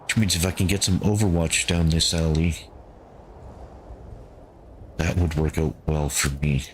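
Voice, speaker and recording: A man giving calm gameplay commentary, thinking aloud and talking to his squad as he plays. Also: extremely low pitch, a little slow, slight background noise. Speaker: gameplay streamer.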